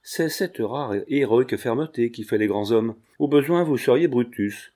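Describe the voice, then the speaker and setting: A man's voice: mid-range voice, expressive, normal speed, mellow, lightly acted. Give me a man playing a witty painter who mocks with a grave tone. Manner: grave, teasing. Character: mocking young male painter, witty charmer.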